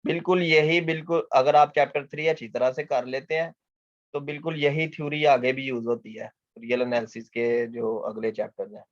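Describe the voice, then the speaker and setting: A man's voice: mid-range voice, level tone, normal speed, no room sound. Male math lecturer, patient and repetitive, answers his own questions; muffled, dry recording. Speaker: mathematics lecturer. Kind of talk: explanatory lecture.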